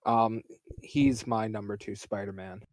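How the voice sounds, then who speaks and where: A man's voice: fairly low pitch, fairly even intonation, a little slow, darkish tone, no echo. A young man co-hosting a podcast, chatting casually with dry, laid-back quips. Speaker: podcast co-host. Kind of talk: casual chat.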